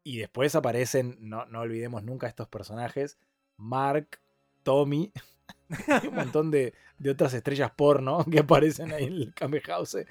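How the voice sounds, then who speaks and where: A man with a Rioplatense accent co-hosting a casual podcast chat, lively and laughing often while acting out quotes. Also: medium pitch, normal speed, soft background music. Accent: Rioplatense Spanish. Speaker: podcast co-host.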